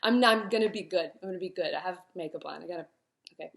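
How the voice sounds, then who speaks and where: A woman's voice: fairly low pitch, racing, creaky. A woman in her thirties speaks on a live stream as author and host, talking openly about her life and work. She is emotional and close to tears, her words catching in places. She talks loosely and personally, with plenty of fillers and restarts. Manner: emotional, tearful at times, with fillers and self-corrections.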